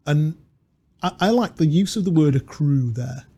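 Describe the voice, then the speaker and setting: Speaking at a moderate pace, a male podcast co-host uses a fairly high, mellow, breathy voice with lively intonation. He chats casually, reads quotes, leans into reflection and storytelling, and laughs easily, all through a studio mic fitted with a pop filter.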